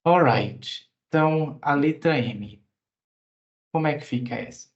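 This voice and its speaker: A man's voice: a little high, a little slow, highs cut off. A man teaching English in an online class, patiently explaining grammar at length and asking students questions.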